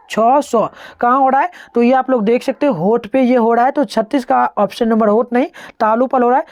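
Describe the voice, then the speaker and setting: Woman teacher, higher voice, dry close sound, patient step-by-step exam explainer. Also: darkish tone, dry recording. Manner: explains step by step, has students try sounds aloud. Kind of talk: online exam-answer lesson.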